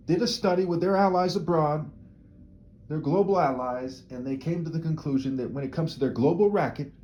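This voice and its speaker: Fairly high in pitch and a little mellow, the man's voice has slight background noise behind it. As a video commentator talking to camera alone, he holds forth in a discursive, rhetorical manner, frequently asking "right?" and restarting sentences with repeated words.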